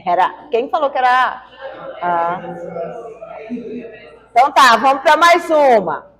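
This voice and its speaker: A woman's voice: high voice, very animated, unhurried, fairly bright tone, big-room sound. A woman teaching biology, running a quiz with her class and coaxing answers out of the students in a playful way. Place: large classroom.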